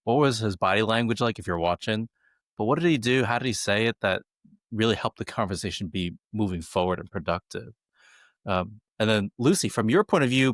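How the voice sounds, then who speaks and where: A man with a fairly low voice hosts a discussion in a casual, conversational style. The recording is dry and free of room sound. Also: no room sound. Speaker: host. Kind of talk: casual video discussion hosting.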